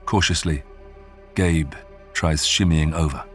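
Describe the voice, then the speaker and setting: A man narrates in a steady, scripted documentary style. His voice sits very low and deep. Soft music plays quietly beneath him. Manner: measured, even storytelling delivery. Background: faint music.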